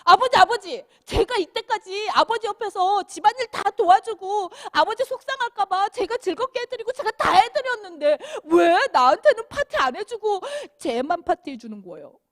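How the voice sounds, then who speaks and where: A woman's voice: extremely high pitch, expressive, normal speed, hardly any pauses, fairly bright tone, pitched above the performer's own voice. A woman voicing a resentful grown elder son who complains tearfully to his father. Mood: whining.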